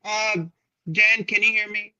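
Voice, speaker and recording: A man's voice: high voice, steady tone, a little slow, over a noisy crowd. A man joining a podcast call from a faulty remote mic, his voice hollow and echoing as if in a tunnel and cutting in and out, speaking in an easygoing, casual way. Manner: easygoing, checking his own audio. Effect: hollow, tunnel-like echo that cuts in and out. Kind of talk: casual chat. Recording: dull, muffled remote mic.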